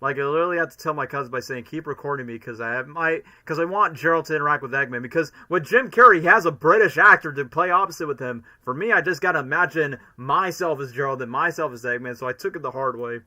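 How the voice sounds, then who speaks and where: A man's voice: on the high side, quick pace, few pauses, sharp tone. A man giving casual, chatty reaction commentary as a streamer. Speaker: streamer, cosplayer.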